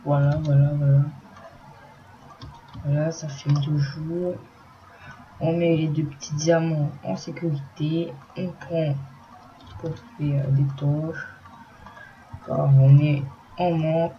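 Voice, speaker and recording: A man narrating a let's play in a soft voice, swearing when startled, on a dull lo-fi recording with faint noise. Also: a little high, level tone. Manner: talks softly and slowly, swears when startled. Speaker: gameplay commentator.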